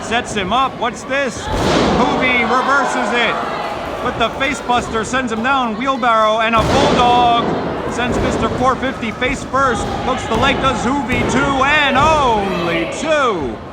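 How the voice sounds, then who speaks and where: A man's voice: very high voice, steady tone, a little slow, heavy background noise. A man calling a lucha libre match as play-by-play announcer, in live sports commentary. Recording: loud crowd and music behind.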